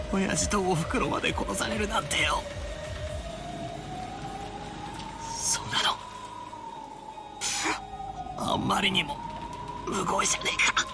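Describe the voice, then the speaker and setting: A brash young hothead in a game, rough-tongued and grief-stricken. His voice sits fairly high and leaps wildly in pitch. He speeds through lines, whispering one moment and shouting the next. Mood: grieving, angry. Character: brash young man, grieving and furious. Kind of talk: Japanese game voice acting.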